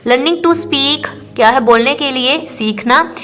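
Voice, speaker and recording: A woman teacher explains an English textbook lesson, reading English lines slowly and then explaining them in Urdu. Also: high voice, a bit bright, poor audio. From Pakistan.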